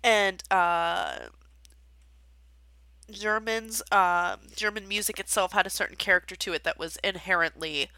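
A woman's voice: mid-range voice, measured pace, sharp tone, clean tone, dry recording. A woman hosting a podcast, an amateur pianist talking casually about her practice and a composer's life, with many fillers and rambling asides. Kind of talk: casual solo chat.

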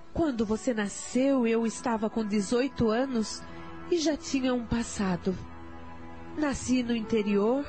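A woman playing a calm confessing mother. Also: fairly high pitch, close to an everyday voice. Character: woman in her thirties, a mother with a hard past, calm and confessional. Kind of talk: radio drama storytelling.

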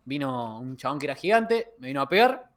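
A man with a Rioplatense Spanish accent co-hosting a podcast, telling stories in a lively way and acting out the dialogue, recorded over a video call. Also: medium pitch, fairly quick. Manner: lively storyteller who acts out dialogue. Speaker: podcast co-host. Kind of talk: casual chat, storytelling.

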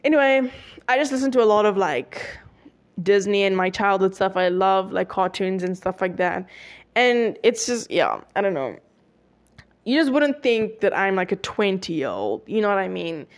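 A nineteen-year-old woman hosts a solo podcast in a mid-range, animated voice at a moderate pace. She chats casually, with plenty of fillers and self-corrections.

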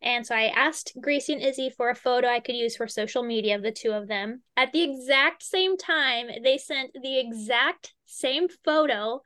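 Woman, podcast host, enthusiastic, chatty, high voice. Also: normal speed, hardly any pauses, sharp tone. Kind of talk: warm conversational podcast hosting.

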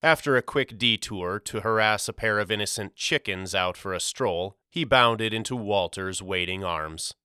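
A male audiobook narrator telling a first-person story in a measured, steady way. His voice is rather low, with a bright and crisp tone. The recording is dry, with no room sound. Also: no echo.

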